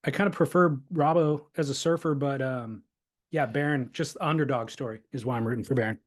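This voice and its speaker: Over a video call, a surf podcast host keeps the chat casual and relaxed, using plenty of fillers. He speaks briskly at a medium pitch.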